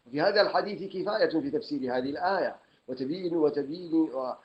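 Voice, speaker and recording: Brisk Sudanese sheikh on lo-fi tape. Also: male voice, on the high side. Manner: reads aloud, recites verses slowly, restarts phrases. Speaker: sheikh teaching Quran exegesis. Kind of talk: reading and explaining a classical commentary. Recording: dull lo-fi lecture recording.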